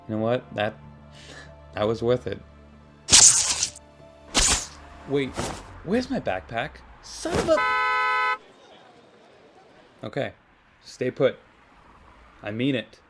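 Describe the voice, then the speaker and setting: A man voicing a wry, earnest teenage boy superhero in an animated series. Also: mid-range voice, takes it slowly, pauses often, over loud music. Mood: playful, wry. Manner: wry, youthful.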